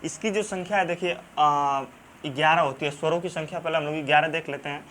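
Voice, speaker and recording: A male teacher with a Banarasi accent giving a classroom grammar lesson. He repeats key terms, checks in often and pauses with many fillers. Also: a little high, fairly even intonation, fairly bright tone, slight background noise. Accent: Banarasi Hindi. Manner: halting, many fillers and restarts.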